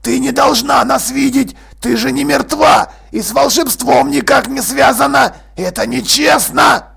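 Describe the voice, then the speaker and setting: Timid furry bogeyman, screechy and gravelly, slow drawn-out wails. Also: a bit bright, exaggerated voice. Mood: whining. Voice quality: high creaky squeals. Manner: panicky pleading, wailing. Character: cowardly furry male bogeyman monster. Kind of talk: audiobook character voice.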